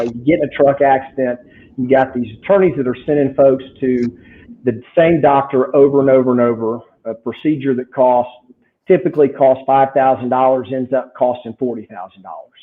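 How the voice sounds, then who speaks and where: A man's voice: medium pitch, steady tone, fairly quick. A man from Texas with a Texan accent, explaining things as a folksy talk show guest who repeats and restarts phrases. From Texas, United States. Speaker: guest, trucking company representative. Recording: tinny phone-like line with background noise.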